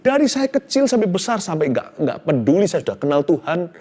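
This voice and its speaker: Animated pastor with lively, swinging delivery. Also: male voice, high voice, a little fast. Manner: animated storytelling, mixing in English phrases; swings between loud exclamations and hushed tones. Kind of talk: sermon.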